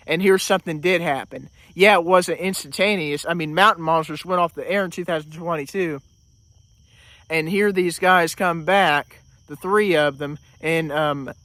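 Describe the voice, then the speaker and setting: A man's voice: fairly high pitch, fairly bright tone, no room sound. A man vlogging outdoors in a casual, rambling way, full of fillers and restarts, a little out of breath. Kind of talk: casual vlog talk.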